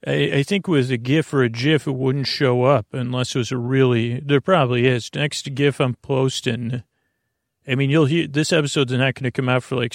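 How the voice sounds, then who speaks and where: A man hosts a sleep podcast in a mid-low, crackly voice, recorded dry with no room sound or echo. He improvises, stumbling over repeats and drifting into silly tangents, his sentences meandering and trailing off.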